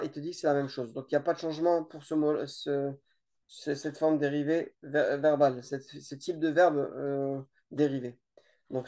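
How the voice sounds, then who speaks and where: A relaxed teacher giving an informal grammar lesson, explaining slowly with many hesitations and repeated words. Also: medium pitch. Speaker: Arabic teacher.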